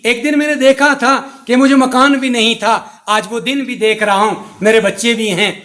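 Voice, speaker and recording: A middle-aged man preaches a sermon in a strikingly high voice. He builds his points in rhythmic, repetitive lists, one short phrase after another. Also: steady tone, pushed and bright. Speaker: mufti preaching.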